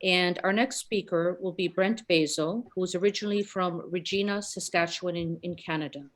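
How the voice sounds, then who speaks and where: A woman's voice: lowish voice, moderate pace. A woman moderating an online webinar on a video call, reading out a formal speaker introduction.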